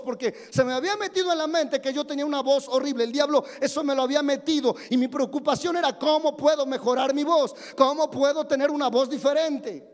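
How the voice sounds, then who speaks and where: High-voiced man preaching in a reverberant hall. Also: a little mellow. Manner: humorous storytelling, questions to the congregation. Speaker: pastor. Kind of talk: sermon. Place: church sanctuary. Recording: long reverb of a church hall.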